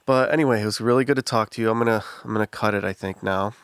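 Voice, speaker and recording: A man in his forties with a Chicago accent, hosting a relaxed interview over a video call and often asking "you know what I mean". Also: on the low side, very fast, clear, resonant tone, no echo. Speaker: podcast host.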